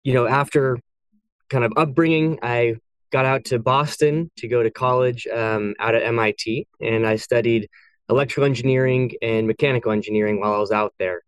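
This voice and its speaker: A young man from California, an engineer and company co-founder, telling his background in a measured, steady way on a podcast. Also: mid-range voice, clear, resonant tone, dry recording. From California, USA. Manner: measured, steady storytelling with "you know" fillers. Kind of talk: casual podcast interview.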